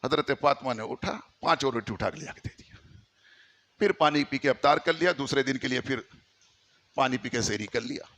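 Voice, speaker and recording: A man's voice: mid-range voice, moderate pace, fairly bright tone. A man from India preaching a storytelling sermon, emphatic and exhorting his listeners.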